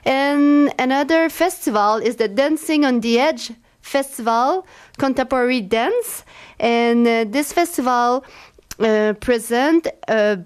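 A woman hosts a radio show in a casual, unpolished way. She has a French accent and a slightly high voice, and her delivery is hesitant and halting. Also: clear, resonant tone. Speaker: radio host. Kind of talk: casual bilingual radio presenting.

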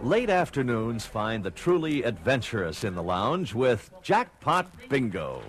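A man's voice: medium pitch, very animated, measured pace. A man reading polished, florid travel promotional narration in a salesmanlike way. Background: music.

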